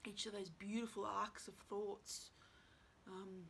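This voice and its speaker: Slow, gravelly-voiced reflective actress. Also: female voice, mid-range voice, flat delivery, a bit bright. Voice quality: musing, halting, with many fillers. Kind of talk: reflective casual monologue.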